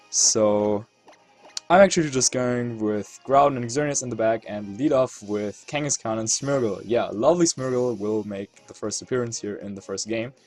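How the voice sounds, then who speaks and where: A man's voice: medium pitch, darkish tone. German-accented man thinking aloud over gameplay. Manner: thinks aloud, weighing moves. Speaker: competitive video game player and channel host. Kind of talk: casual gameplay commentary.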